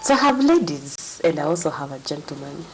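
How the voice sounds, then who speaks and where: Woman, talk show host, playful, animated questions, swooping pitch, studio lapel mic. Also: fairly quick, background noise. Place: TV studio set.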